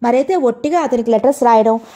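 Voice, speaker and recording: A worried mother pleads with and warns her daughter in a storybook reading, as a woman narrator puts her on. The voice is mellow and on the high side. It is a warning, pleading voice. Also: quick pace, close to an everyday voice. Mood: anxious, stern. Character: worried middle-aged mother, stern but tearful.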